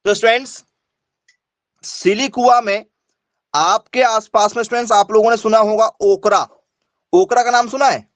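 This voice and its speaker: A man's voice: high-pitched, fairly even intonation, moderate pace, pauses often, fairly bright tone, no echo. A male teacher giving an online exam-prep lesson, addressing students directly, repeating points and answering his own questions.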